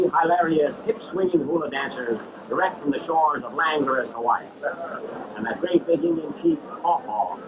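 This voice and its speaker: An actor playing a glib, flirtatious traveling medicine-show pitchman with grandiose patter in a 1930 talkie. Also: lightly acted. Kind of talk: 1930 early talkie film acting. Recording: noisy, dull 1930 film soundtrack.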